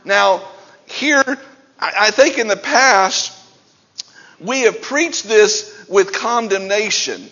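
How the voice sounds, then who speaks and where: Pastor, male, high and animated delivery, slow, bright tone, echoing church hall. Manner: emphatic preaching, rising to near-shouts. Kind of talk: sermon. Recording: dull lo-fi sound in a reverberant hall.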